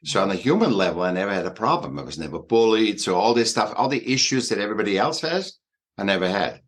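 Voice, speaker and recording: A man in his sixties with an Austrian accent speaks in a fairly low voice. He talks in a halting, emphatic way, stopping to restart his thoughts. His speech is full of fillers as he speaks as a guest in an interview. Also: very animated. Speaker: guest artist and educator. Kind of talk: conversational interview.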